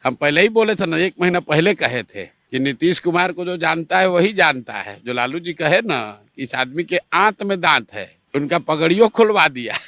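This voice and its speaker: A man's voice: on the high side, expressive, normal speed, few pauses, a bit bright, dry recording, clean studio sound. A man with a Bihari Hindi accent arguing politics in an interview, emphatic and rhetorical, acting out what others say in mock dialogue. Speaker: party spokesman interviewed. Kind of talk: animated political argument. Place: Patna, Bihar.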